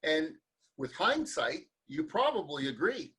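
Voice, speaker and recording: A man's voice: on the high side, big pitch swings, measured pace, bright, forceful tone, slightly rough, low-quality recording. A man hosting a conversational interview, talking earnestly and with humor about hard times. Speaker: interview host.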